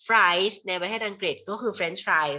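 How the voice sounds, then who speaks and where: A Thai-accented woman leads an English lesson for kids at a very slow, deliberate pace. Her voice is bright and forceful, sitting a little low in pitch. The recording sounds somewhat dull and lo-fi. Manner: switches between Thai and slow, clearly spelled-out English, calls viewers "child". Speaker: English teacher. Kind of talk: online English lesson for children.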